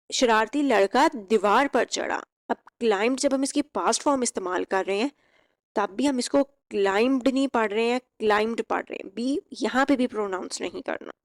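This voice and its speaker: A young woman teaching English vocabulary. She reads each example sentence slowly and clearly, then explains it. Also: a little high, no room sound. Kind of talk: vocabulary lesson.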